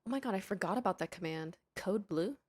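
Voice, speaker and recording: A woman's voice: mid-range voice, expressive, quick pace, darkish tone, slightly rough. A young adult woman streamer chatting casually with her viewers during a live game stream, greeting them by name. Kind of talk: casual livestream chat.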